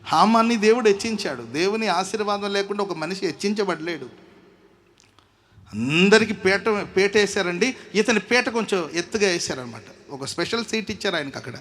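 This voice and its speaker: A male pastor preaching a sermon, swinging from hushed asides to loud exhortation and calling the congregation to shout hallelujah. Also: high voice, expressive, fairly quick, slight background noise. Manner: calls on the congregation to say amen and hallelujah. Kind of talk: Telugu sermon. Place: church service with congregation.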